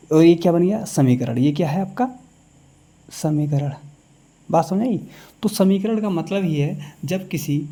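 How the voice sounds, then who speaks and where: A man with a very dark, mellow voice teaches a maths lecture. He sits a little high in pitch for a man and keeps pausing to quiz his class with short check questions.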